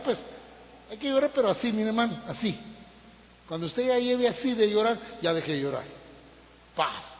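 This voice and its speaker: A male pastor preaching a sermon, emphatic, asking rhetorical questions and rising suddenly in pitch and volume. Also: a little hiss or hum. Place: church hall. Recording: long hall reverb.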